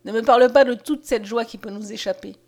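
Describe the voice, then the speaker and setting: A woman voicing a gentle, weary young man with weak eyesight who speaks earnestly. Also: fairly high pitch, a little fast. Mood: pleading. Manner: earnest, pleading.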